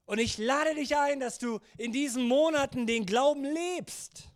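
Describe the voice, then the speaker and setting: A pastor delivers his sermon in a notably high voice for a man. He speaks earnestly and urges his listeners on, sinking low and quiet whenever he gives God's words. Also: measured pace. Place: church service.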